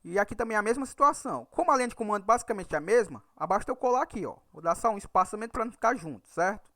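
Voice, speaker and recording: An Excel VBA instructor from Ceará, with a northeastern Brazilian accent, leads a screen-recorded programming tutorial, tagging nearly every point with "right?". His high voice is animated, very fast, bright, and forceful. The recording is studio quality with no room sound.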